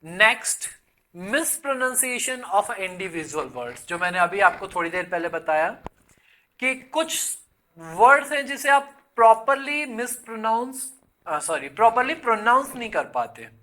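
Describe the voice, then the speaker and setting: A man's voice: high voice, lively intonation, moderate pace, bright, forceful tone. A male English exam teacher giving a casual online lesson, chatty, slipping English words into his Hindi and calling viewers "son". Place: in Hyderabad.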